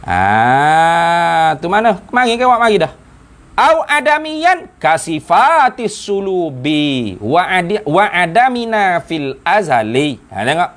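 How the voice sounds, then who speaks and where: A religious teacher works through a classical text line by line. His voice sits fairly high for a man and swings widely in pitch. He keeps stopping to ask the students whether they have understood. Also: slow. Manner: animated, questioning the students often.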